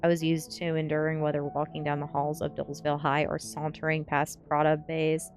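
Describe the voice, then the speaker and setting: A woman streamer narrates a gothic teen story in audiobook fashion, faint music audible in the background. She speaks a little fast in a low, monotone voice.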